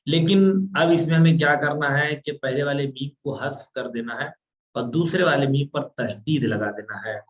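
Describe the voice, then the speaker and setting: A man's voice: on the high side, moderate pace. A man teaching an online class on Quran recitation, patiently explaining rules step by step and drawing out sounds to demonstrate.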